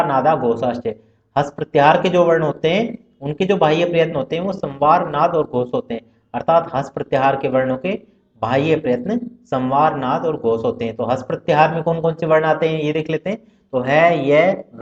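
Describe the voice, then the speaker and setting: A man teaching Sanskrit grammar in a recorded lecture. He recites Sanskrit terms in a list, then explains each one plainly and step by step. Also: fairly high pitch. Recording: roomy, dull lo-fi recording.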